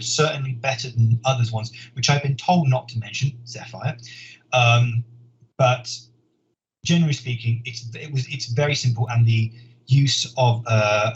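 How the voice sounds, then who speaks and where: Man with an earnest, explaining manner. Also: mid-range voice. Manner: earnest, explanatory, repeats words while thinking. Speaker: software engineer. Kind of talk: conference talk. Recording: dull lo-fi sound with faint noise.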